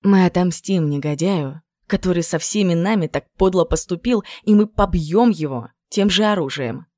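A woman voicing a cool, superior young woman who schemes and gives orders in a measured, sly way. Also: fairly low pitch, warm tone, no room sound, studio quality, natural voice. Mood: scheming.

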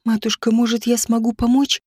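A woman reading an audiobook voices a grieving young girl who pleads with her mother in a hushed, tearful way. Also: a little high, flat delivery, brisk, husky, no echo, clean studio sound. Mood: pleading.

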